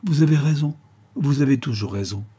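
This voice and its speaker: A man reading the part of a calm, ironic police inspector who speaks in a measured, gently persuasive way. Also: medium pitch, breathy edge, pitched above the performer's own voice, close to an everyday voice. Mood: reassuring.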